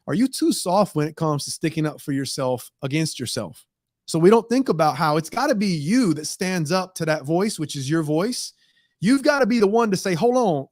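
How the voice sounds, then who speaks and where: A man's voice: medium pitch, no echo, clean studio sound. A man giving an earnest, emphatic motivational talk on a talk show, pushing his voice up for emphasis. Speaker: guest segment presenter.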